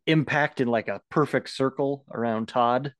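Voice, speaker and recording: Playful man pitching comic ideas. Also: moderate pace, dry recording. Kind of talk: improvised comedy banter.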